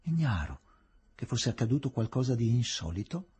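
A man reads a novel aloud in an expressive, dramatic way. His voice is very husky and breathy, and his pitch swings widely and in a lively way as he narrates. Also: normal speed. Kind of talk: audiobook narration.

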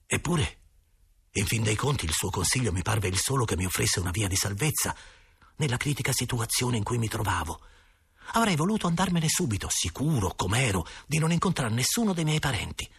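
A man reading a children's story aloud in the first person, expressive and dramatic. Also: medium pitch, brisk, vocal fry, slightly rough. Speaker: audiobook narrator.

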